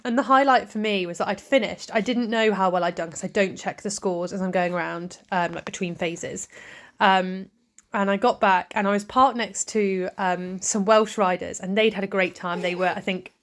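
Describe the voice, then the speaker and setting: A woman's voice: medium pitch, a bit bright. A woman, giving a chatty, casual voice-over about her own riding footage, with lots of ums and asides. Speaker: vlogger and event rider.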